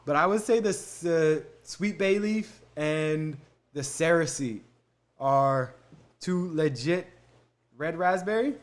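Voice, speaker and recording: Speaking slowly in a voice a little higher than typical for a man, a young streamer answers viewer questions in a laid-back, chatty way. He often breaks to read comments and say thanks, filling gaps between answers with casual fillers, over a slight hiss or hum.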